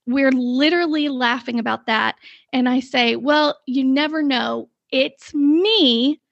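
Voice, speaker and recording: A woman's voice: sits high, slow, gravelly, no echo. A woman co-hosting a casual chat show, a rambling storyteller who goes off on tangents, recorded with a dull, slightly lo-fi sound. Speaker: podcast co-host.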